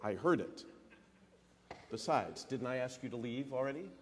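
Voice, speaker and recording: A man's voice: medium pitch, lively intonation, normal speed, natural voice. A man playing a cynical, self-centred businessman in a comic stage drama, sarcastic, flippant and exasperated. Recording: echoey hall with background noise.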